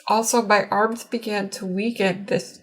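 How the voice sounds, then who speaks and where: A woman's voice: medium pitch, steady tone, unhurried. A woman in her forties reading prepared personal testimony, her voice muffled by ventilation as if her mouth were covered. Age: 40s. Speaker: patient giving testimony.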